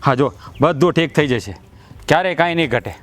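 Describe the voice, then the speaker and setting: A man's voice: on the high side, animated, a little fast, fairly bright tone. An actor playing a poor young husband who keeps soothing and pleading with his wife. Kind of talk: village family drama.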